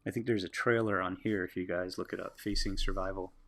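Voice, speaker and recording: A lowish, gravelly American male voice talks casually as he works on a drawing. He muses aloud and answers viewers' comments in a relaxed, easygoing way. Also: fast talker. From United States. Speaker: artist livestreaming a drawing.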